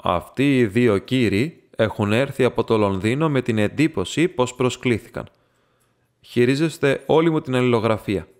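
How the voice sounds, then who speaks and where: A man's voice: medium pitch, lightly acted. Male reader doing a cranky old academic, curt and hostile, audiobook. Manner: harsh, hostile. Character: irascible old male professor.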